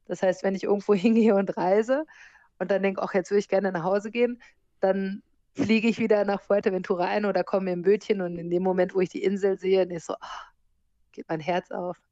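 A woman in her forties, born in America and raised in Germany, talking about her life abroad in a relaxed interview and laughing now and then. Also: mid-range voice, fairly quick, dry recording, dull audio. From born in the US, grew up in Germany. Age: 40s. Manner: lively, laughs often while telling stories. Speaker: interview guest, surf instructor and hostel owner.

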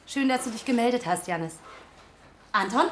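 An actress playing a brisk, encouraging schoolteacher questioning her class. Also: fairly high pitch, expressive, a little hiss or hum, close to an everyday voice.

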